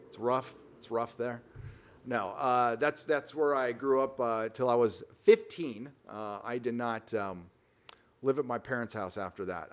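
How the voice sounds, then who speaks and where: Emphatic, rambling man hosting a livestream. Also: mid-range voice. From Southern California. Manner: emphatic, rambling, with frequent restarts. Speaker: livestream host reading viewer donations. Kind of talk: casual live-stream commentary. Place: rented vacation home while on the road.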